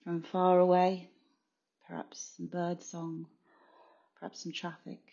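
A warm, lowish, creaky female voice delivers a slow, monotone yoga nidra meditation, broken into short calming phrases with gaps in between. The speaker, a meditation guide and consultant, is heard on a slightly muffled session recording.

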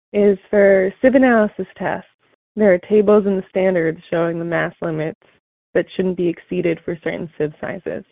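A woman guest reading prepared tips in a calm, measured way. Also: lowish voice, dry recording. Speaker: staff guest sharing tips. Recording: dry, tinny, phone-like line.

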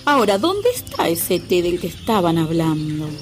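A woman voicing a playful young male elephant who shouts and pleads in a high voice. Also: big pitch swings, moderate pace, background noise. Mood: plaintive.

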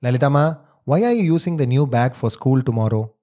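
A man's voice: medium pitch, expressive, a little fast, warm tone, faint music behind. A man with a South Indian accent who hosts and tells stories in Indian English phrasing. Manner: uses Tamil words and Indian English phrasing. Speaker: host and storyteller. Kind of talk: scripted storytelling and playful family dialogue.

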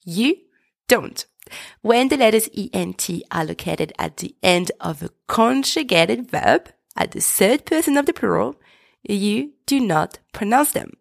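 A woman in her thirties hosting a podcast pronunciation lesson, speaking clearly and patiently and slowing down to model each word. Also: medium pitch, no room sound, clean studio sound. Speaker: French teacher and podcast host.

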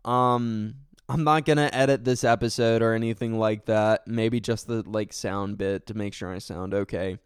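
A podcast host talks casually on his own solo show, sincere and thankful, rambling with lots of fillers and self-corrections. His lowish voice holds a steady tone at a moderate pace with few pauses. The sound is clean, studio quality, with no room sound.

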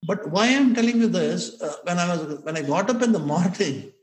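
An older man with an Indian accent telling memories in an animated, emphatic, conversational way, often addressing the listener as sir. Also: high-pitched, normal speed, rough recording. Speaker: former bank inspector telling memories. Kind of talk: conversational storytelling.

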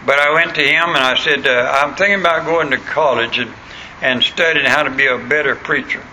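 A man's voice: mid-range voice, a little fast, pushed and bright. A man with a rural American accent and a plain, untrained country voice, preaching a folksy sermon with stories, scripture and questions to his listeners. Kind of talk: sermon with anecdotes and scripture reading. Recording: clearly noisy recording.

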